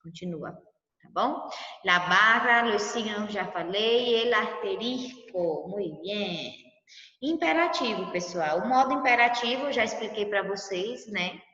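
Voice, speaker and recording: A woman's voice: medium pitch, lively intonation, measured pace, pushed and bright. A woman with a Brazilian Portuguese accent, teaching a class and checking in with her students. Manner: explanatory, checks in with "tá?" and "né?". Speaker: Spanish teacher. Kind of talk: recorded online class lesson. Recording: distant mic, roomy dull sound.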